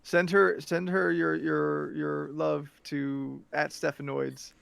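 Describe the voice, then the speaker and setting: A man's voice: a little high, fairly even intonation, takes it slowly, vocal fry, background noise. A man talking casually and telling stories as a podcast host. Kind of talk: casual chat and storytelling.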